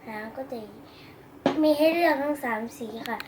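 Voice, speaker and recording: A woman's voice: high voice, normal speed, background noise. A female speaker presenting a casual product review, politely addressing viewers. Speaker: toy reviewer.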